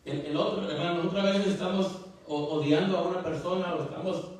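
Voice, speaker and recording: A man's voice: high-pitched, steady tone, quick pace, a little mellow. A man preaching a casual sermon, often repeating little asides to his listeners and restarting his words. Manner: folksy, repeats "¿verdad?" and "hermano". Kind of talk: Spanish sermon. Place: church sanctuary. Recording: echoey church from far off.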